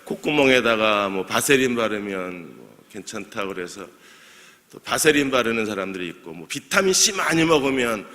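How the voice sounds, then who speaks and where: A man's voice: on the low side, lively intonation, moderate pace, sharp tone. A male pastor preaching a midweek sermon, asking his congregation questions, answering them himself, and joking lightly with them. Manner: jokes lightly and laughs with the congregation. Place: church sanctuary. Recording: long church hall reverb.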